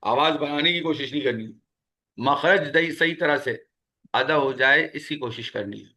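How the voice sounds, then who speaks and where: A man teaching a Quran recitation lesson, patiently repeating key sounds and words slowly for his students. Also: mid-range voice, sharp tone. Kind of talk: spoken tajweed lesson.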